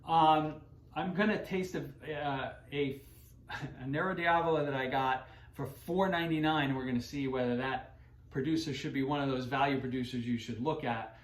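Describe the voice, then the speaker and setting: A man's voice: medium pitch, fairly even intonation, normal speed. A man hosting a wine channel, talking casually and rambling with many fillers and restarts. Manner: self-deprecating. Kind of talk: casual unscripted talk. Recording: roomy echoey room.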